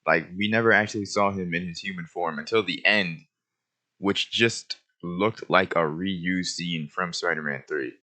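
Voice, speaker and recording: Deep-voiced man swearing through a reaction. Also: moderate pace. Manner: profane, excited interjections. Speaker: reaction video host. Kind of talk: casual reaction commentary.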